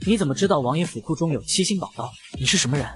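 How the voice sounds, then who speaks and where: A man's voice: a little high, lively intonation, rapid-fire, close to an everyday voice. A man voicing a greedy, hot-tempered male bandit chief with a blustering, boastful manner in a comic recap.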